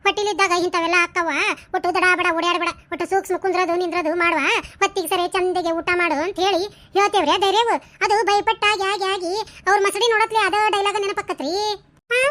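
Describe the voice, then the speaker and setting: A woman doing shrill, quick-talking village women. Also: fairly bright tone. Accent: North Karnataka Kannada. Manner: quick, shrill, bantering dialect chatter. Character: bickering village women, a landlady and her helpers. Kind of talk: cartoon voice acting.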